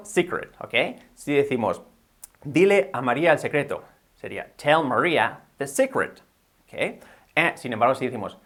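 In a bilingual video lesson, a man teaches English vocabulary with an upbeat manner, switching between English and Spanish and constantly checking in with viewers by asking "ok?". His voice is medium-pitched and a bit bright.

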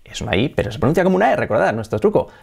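Man, Spain Spanish accent, English teacher, animated pitch, playful, slow demonstrations, laughs a lot. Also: vocal fry, slightly rough. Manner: laughs often. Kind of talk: casual video lesson.

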